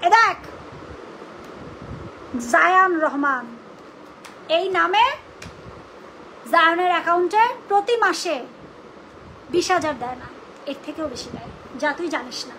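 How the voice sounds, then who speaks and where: A woman speaking unscripted on a livestream in an indignant, confrontational, shrill voice. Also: lively intonation, takes it slowly, long pauses, bright, forceful tone, a little hiss or hum, poor audio. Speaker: live-streamer rebutting accusations about own family.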